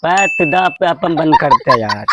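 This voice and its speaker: Guy doing drunk awadhi village dad, belligerent, slow rambling, high swoopy voice, noisy recording. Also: animated, lightly acted. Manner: drunk, rambling, repeating himself. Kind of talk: rural comedy skit acting. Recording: clear background noise, clicks.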